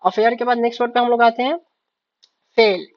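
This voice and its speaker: A woman's voice: fairly high pitch, fairly even intonation, fairly quick. A woman teaching shorthand in mixed with spoken. She goes word by word, spells out letters and keeps checking that the class is following. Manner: repeats words, spells letters out, keeps asking "ठीक है?". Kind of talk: step-by-step lesson, writing on a board. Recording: slightly dull, lo-fi sound.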